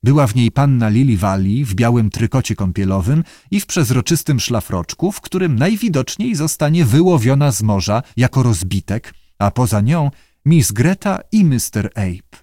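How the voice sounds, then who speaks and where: In a dry, studio-quality recording, a man with a mid-range voice narrates an audiobook from a script. He tells the story expressively at a moderate pace.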